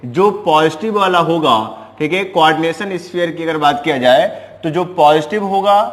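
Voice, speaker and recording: Guy teaching chemistry, high voice, keeps asking questions then answering them, lots of reverb. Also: moderate pace. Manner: explains step by step, keeps asking rhetorical questions and calling students "beta". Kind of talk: classroom lecture.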